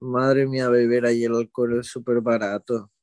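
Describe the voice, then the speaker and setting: A man's voice: mid-range voice, normal speed, dry recording, studio quality. A young man from Ecuador, talking casually as an interviewee, rambling a little and correcting himself as he goes. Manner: relaxed, rambling, with hesitations and self-corrections. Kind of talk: casual conversation.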